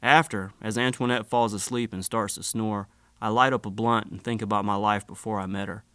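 A man's voice: fairly low pitch, steady tone, fairly quick, fairly bright tone, clear, resonant tone, no echo. A man narrating a first-person story in a laid-back, wry and profane way.

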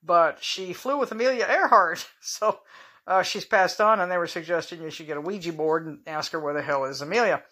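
Female podcast host, solo, bright forceful tone, frank and rambling. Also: fairly low pitch, fairly quick. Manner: rambling, frank, chatty asides. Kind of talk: casual monologue.

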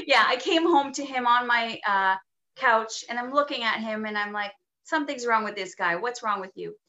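Bright-voiced woman telling her story. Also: fairly high pitch, animated, moderate pace, highs cut off. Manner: storytelling, shifting between hushed and emphatic. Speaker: guest sharing testimony. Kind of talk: personal testimony interview.

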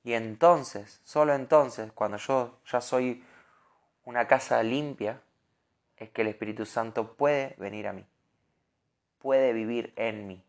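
A man with a Rioplatense Spanish accent giving an earnest, animated devotional sermon, sometimes restarting his words. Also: mid-range voice, slow. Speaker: preacher.

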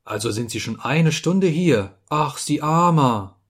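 Man reading a teasing dinner guest, slow mocking questions. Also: medium pitch, a bit bright, close to an everyday voice.

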